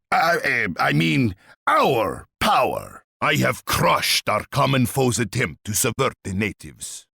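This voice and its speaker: An actor playing a boastful, bloodthirsty Russian tsar in a strategy game, with a pompous, menacing, theatrical delivery and a rough, gravelly voice. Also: male voice, mid-range voice, a bit bright, dry recording, studio quality, full character voice. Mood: triumphant.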